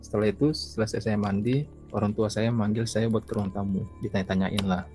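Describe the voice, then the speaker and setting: Speaking briskly in a fairly low, warm voice with fairly even intonation, this young Indonesian man from East Kalimantan casually recounts a ghost story that happened to him. He rambles, says things more than once, and performs his exchanges with his mother, while soft music plays behind him.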